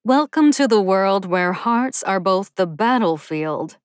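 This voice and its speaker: A woman's voice: medium pitch, expressive, slow pace, clean tone, dry recording, clean studio sound. A woman voicing a sultry female announcer who opens a glitzy TV show in a grand, showy delivery, read as an audiobook character voice.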